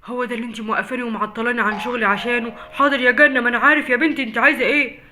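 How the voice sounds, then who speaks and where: A woman voicing a busy, pious Egyptian father with a rapid-fire way of talking in a family skit. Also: on the high side, flat delivery, pushed and bright, slight background noise. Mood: harried.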